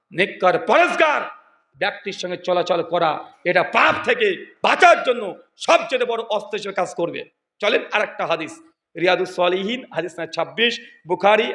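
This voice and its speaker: A man from India with a Murshidabad Bengali accent, preaching a sermon at an outdoor gathering. He tells stories dramatically, swinging from hushed asides to shouts, and keeps asking the crowd questions. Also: high voice, reverberant.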